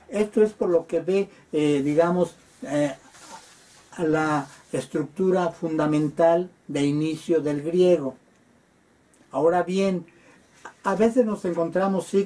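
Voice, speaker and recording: A man lecturing on Greek grammar, patiently spelling out word forms with frequent hesitant pauses. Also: a little high, mellow. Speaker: Greek teacher.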